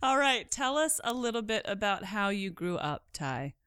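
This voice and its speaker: A woman hosting a podcast, upbeat and quick to laugh, reading a scripted intro and then interviewing a guest. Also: medium pitch, big pitch swings, fairly bright tone, clear, resonant tone, no echo, studio quality. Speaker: podcast host.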